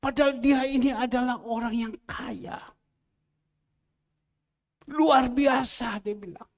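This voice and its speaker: Male pastor, sermon, loud-to-hushed swings, repeats phrases for emphasis. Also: very high voice, steady tone, moderate pace.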